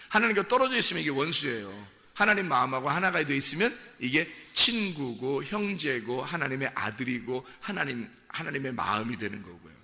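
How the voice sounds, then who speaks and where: A man preaching a sermon as a pastor, swinging from hushed asides to impassioned shouts, with sing-song rising exclamations. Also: on the high side, gravelly. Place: church sanctuary. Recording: church hall reverb.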